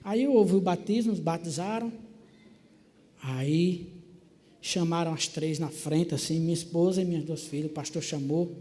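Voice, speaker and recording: A man's voice: on the high side, moderate pace, mellow. A man telling his testimony in a packed church, animatedly acting out family members' voices. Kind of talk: preached testimony storytelling. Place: church filled with people. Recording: reverberant church hall.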